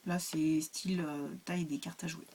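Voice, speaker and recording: A woman's voice: low-pitched, little pitch movement, moderate pace, noisy background. Hesitant woman reviewing a card deck. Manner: hesitant, many fillers and restarts. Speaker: cartomancy channel host.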